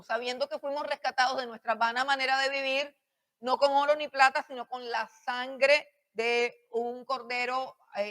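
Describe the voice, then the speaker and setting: Woman, Bible school teacher, somewhat high voice, repeats herself, quizzes the class. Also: fairly bright tone. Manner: repeats phrases for emphasis, questions the class. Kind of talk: classroom lecture on preaching.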